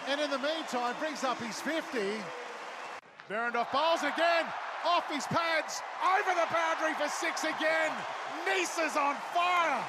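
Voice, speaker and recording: A man with an Australian accent giving excited, exclamatory live cricket commentary. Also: extremely high pitch. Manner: excited, exclamatory calling of play. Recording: very loud stadium crowd noise behind. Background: roaring crowd at a match.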